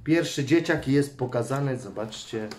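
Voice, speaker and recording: A man's voice: mid-range voice, moderate pace, darkish tone, a little hiss or hum. A man, a father hosting a casual toy unboxing with his son, chatty and teasing, reading a comic aloud. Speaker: father and channel host.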